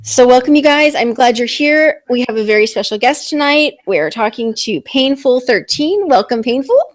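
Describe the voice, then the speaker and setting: A woman's voice: high-pitched, animated, moderate pace. A woman hosting a live online talk stream, chatting casually and rambling with restarts on a computer mic.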